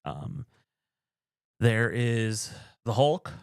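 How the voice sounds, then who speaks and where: A man co-hosting a podcast, chatting casually and explaining at length in a deadpan way. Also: medium pitch, drawn-out words, creaky, smooth, no echo, clean studio sound. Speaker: podcast co-host. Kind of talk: casual chat about movies.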